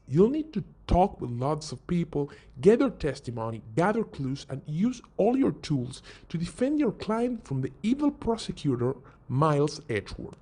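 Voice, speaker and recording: With a music bed under him, a man whose voice is high-pitched and mellow hosts a scripted countdown of video games. His commentary is casual and explanatory, built on questions he poses and then resolves.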